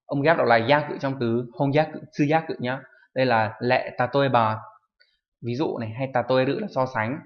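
A man's voice: medium pitch, fairly even intonation, normal speed, highs cut off. A man teaching a recorded online kanji lesson. He lists items steadily and checks in often with rhetorical questions. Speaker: Japanese teacher.

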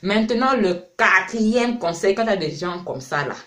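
A man's voice: sits high, expressive, measured pace, bright, forceful tone. Chatty man teaching casually. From France. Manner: chatty, many fillers and repeated words. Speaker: host of a language-learning channel, a parent. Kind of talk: casual spoken lesson.

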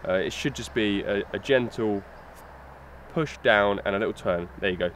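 A young man giving a lakeside fishing tutorial, explaining steps in a relaxed way with fillers as he handles his gear. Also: on the low side, moderate pace. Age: young adult. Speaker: fishing instructor. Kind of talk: outdoor tutorial demonstration. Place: lakeside outdoors. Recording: faint outdoor noise.

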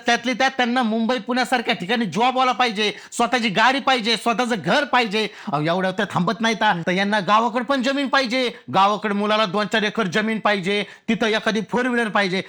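An actor playing a frustrated young bachelor desperate to marry, ranting indignantly in a comic podcast sketch. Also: male voice, high-pitched, pushed and bright. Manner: indignant ranting, exasperated complaints.

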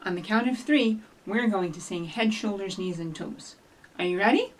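Picked up by a distant microphone in a small, shelved office, a middle-aged woman leads a storytime for young children. The children's librarian speaks at normal speed in a medium-pitched voice, addressing the kids directly and encouragingly while she talks and reads aloud.

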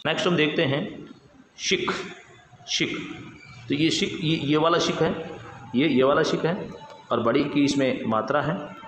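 A man's voice: fairly high pitch, measured pace, pauses often, fairly bright tone. A man teaching English pronunciation, explaining patiently and spelling words out letter by letter. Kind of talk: explanatory lesson. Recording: echoey room with faint background noise.

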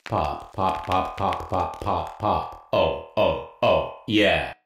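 A stiff, officious mailbot robot glitches out. It speaks in a very low, slow monotone, and its clipped announcements break down into repeated pops and errors. The voice sits in echoey game audio with a faint synth score behind it. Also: male voice, creaky, over music, heavily acted. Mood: glitching. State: malfunctioning, repeating sounds and errors. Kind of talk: video game voice acting.

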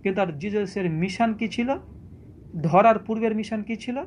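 A man's voice: high voice, moderate pace, a little mellow, slight background noise. A man giving a polemical religious lecture as a debater, arguing with rhetorical questions and quoting scripture.

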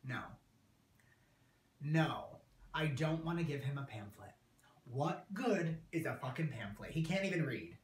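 Young guy acting hurt angry teen in a tragic monologue, sorrowful n bitter, really slow, mid pitch, echoey room. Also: lively intonation, lightly acted. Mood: angry, anguished. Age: young adult. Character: wounded, angry abused teenager recounting trauma. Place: small indoor room against a plain wall. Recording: roomy echo, recorded at a distance.

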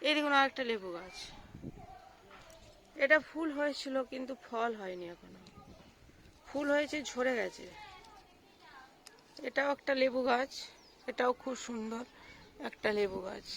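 Hoarse woman showing her roof garden. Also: a little high, slight background noise. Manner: chatty, points things out to viewers. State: hoarse from a cold. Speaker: gardening vlogger. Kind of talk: casual walk-through vlog. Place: rooftop garden outdoors.

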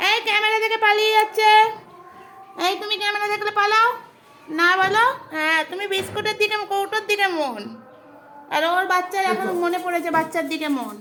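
A woman with an extremely high, sharp voice vlogs at home with her cats, talking fairly quickly. She chats to viewers and coaxes her pets in baby talk, with a little hiss or hum in the recording.

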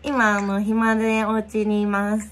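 A woman's voice: mid-range voice, monotone, unhurried. A young woman, chatting casually as a video host in a small room. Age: young adult. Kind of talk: casual chat.

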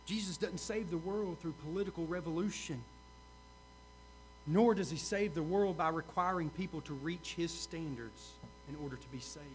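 A male pastor preaching a sermon, earnest, repeating key questions and swinging from loud to hushed. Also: fairly high pitch, normal speed, a little hiss or hum.

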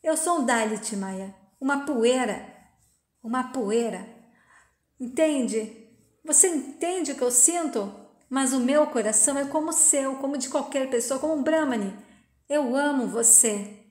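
A woman reading the lines of a heartbroken, pleading young man, slowly and earnestly. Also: sits high, a little mellow. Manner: plain reading of quoted dialogue, slow and earnest. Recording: roomy echo.

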